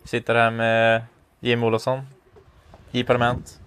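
A man's voice: mid-range voice, monotone, fairly bright tone, clear, resonant tone. Laid-back male podcast host. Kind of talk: casual chat. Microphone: wireless studio mic.

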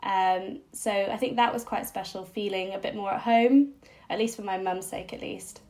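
A woman's voice: medium pitch, fairly even intonation, moderate pace, a little mellow. A woman, a podcast guest recalling her childhood in a reflective, hesitant way with many fillers. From Singapore-born, raised abroad. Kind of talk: personal storytelling interview.

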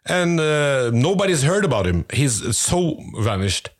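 A man with a Norwegian accent, English not his first language, chatting casually as a podcast co-host and often pausing to search for words. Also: a little high, sing-song. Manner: hesitant, searching for English words, many fillers. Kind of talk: casual chat.

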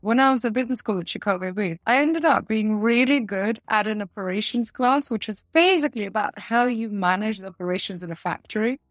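A woman in her forties, from Russia, answering interview questions in a confident, measured way with light laughs. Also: medium pitch, no room sound. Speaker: guest, tech company founder.

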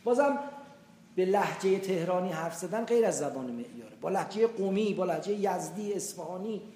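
Persian-speaking male lecturer, high voice. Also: expressive, mellow. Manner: explanatory, uses everyday examples. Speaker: Quran teacher. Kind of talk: tafsir lecture. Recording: echoey room with faint background noise.

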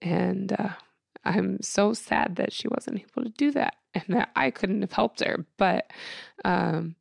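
A woman's voice: medium pitch, unhurried, creaky, dry recording, clean studio sound. A woman guest on a podcast, reading from her journal and talking in an earnest, emotional way with many fillers.

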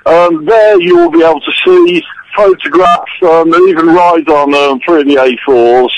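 A man's voice: fairly high pitch, expressive, moderate pace, creaky, slight background noise. Older English man talking over the phone. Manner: enthusiastic, with frequent ums. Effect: heard over a telephone line. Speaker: guest author. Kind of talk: casual phone interview. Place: outdoors at a rail yard event.

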